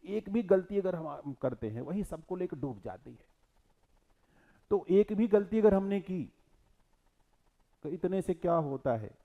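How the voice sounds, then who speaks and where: A male teacher giving an exam-prep lecture on scripture, asking rhetorical questions and quoting verses, his voice swinging between loud and soft. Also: sits high, expressive, a little slow, vocal fry, long pauses, muffled recording.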